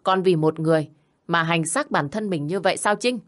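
A woman's voice: fairly low pitch, normal speed, natural voice. A woman voicing a stern middle-aged mother who scolds and pleads with her daughter. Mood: scolding.

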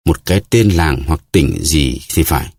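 A man reading an audiobook, voicing a practical male musketeer who argues calmly and persuasively. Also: rumbling low, moderate pace, dry recording, clean studio sound.

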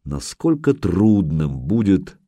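A man narrating an audiobook, telling the story expressively with dramatic pauses. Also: sits low, sing-song, warm tone, no room sound.

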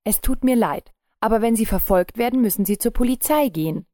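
A woman voicing a resolute kiosk owner in her fifties, firm, steady and controlled. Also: medium pitch, measured pace, dry recording, studio quality.

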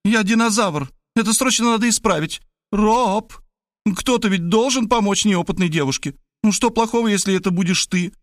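A man's voice: high voice, moderate pace, dry recording, studio quality, voice pushed up, close to an everyday voice. A man voicing a brash, pushy eighteen-year-old girl who chatters in slang and keeps insisting. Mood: pleading. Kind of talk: audiobook character voice.

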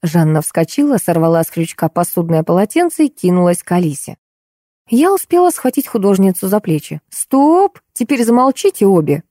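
A woman narrating a detective novel in a steady, even storytelling manner. Her voice is mellow and dark, recorded dry and close with no room sound. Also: lowish voice, fairly quick, no echo. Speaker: audiobook narrator.

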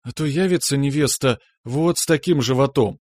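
Fussy young woman, scolding and coy, up high, read by a man. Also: normal speed, a little mellow, dry recording, close to an everyday voice. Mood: flustered.

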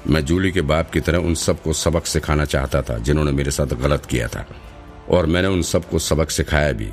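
Nervous young killer fan, quiet and meek, very low voice, a man reading it. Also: moderate pace, soft background music. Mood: confessing.

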